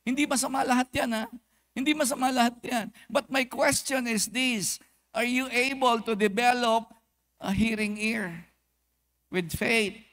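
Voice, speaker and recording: Filipino pastor guy, kinda high voice, lively preaching, switches to english a lot. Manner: animated preaching mixing Tagalog and English, acts out quick comic exchanges. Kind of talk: sermon. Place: church service.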